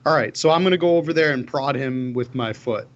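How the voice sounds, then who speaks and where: A man's voice: mid-range voice, fairly quick, dull audio. A man playing a tabletop game, chatting casually and joking with the group. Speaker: player.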